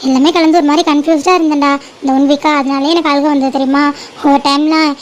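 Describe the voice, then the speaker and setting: A woman's voice: high-pitched, level tone, fast talker, natural voice. A woman voicing an emotional, dramatic young girlfriend in a cartoon. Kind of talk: cartoon voice acting.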